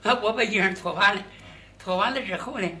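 A man's voice: high-pitched, a little fast, pushed and bright. A man performing stage crosstalk, telling a comic story as a clueless country bumpkin. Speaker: lead comedian in a crosstalk duo.

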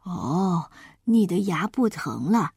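A woman voicing a kindly, hard-of-hearing old grandmother, speaking low and softly with a doting manner. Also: sing-song, slow pace, gravelly, slightly rough, no room sound, clean studio sound, full character voice.

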